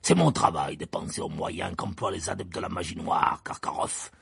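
A battle-hardened old wizard growls every line. The voice sits extremely low, raspy and gravelly, slow and calmly threatening. The sound is close and dry. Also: male voice, no echo, full character voice. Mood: growling menace. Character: gruff battle-scarred old male wizard, menacing. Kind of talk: audiobook character voice.

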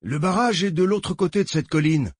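A man's voice: sits high, expressive, moderate pace, slightly rough, no room sound, voice pushed up. A man voicing an easygoing male helicopter pilot talking matter-of-factly.

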